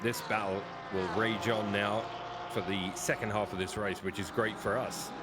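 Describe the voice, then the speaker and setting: Male streamer-commentator, lowish voice, quick chatty race calls, livestream headset mic with heavy background noise. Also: fairly even intonation. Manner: quick, chatty play-by-play, thanks viewers. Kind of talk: sim racing livestream commentary.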